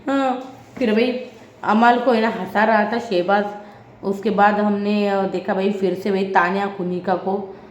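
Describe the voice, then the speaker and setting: A woman's voice: medium pitch, fairly even intonation, measured pace, reverberant, slight background noise. A woman recapping a reality show in a dramatic vlog, acting out what others said. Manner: dramatic, mimics other people's lines. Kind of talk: animated recap, acting out quotes.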